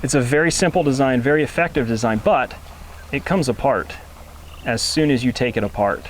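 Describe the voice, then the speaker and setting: A man's voice: mid-range voice, brisk, slight background noise. A man giving a casual hands-on tutorial as an instructor, speaking in a plain, folksy, informal way. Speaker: instructor, duck hunter.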